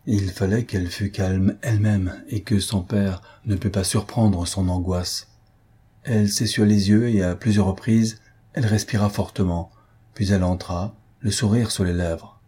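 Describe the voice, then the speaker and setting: A man reading a classic novel aloud as an audiobook narrator, in an even, measured way. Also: on the low side, breathy edge. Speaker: audiobook reader.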